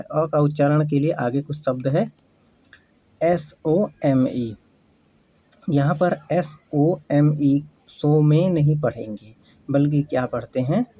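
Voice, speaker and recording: Slow, patient teacher. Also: mid-range voice, warm tone, slightly rough, dry recording, rough recording. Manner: patient, repeats questions and answers. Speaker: English teacher. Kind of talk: slow spelling-out lesson.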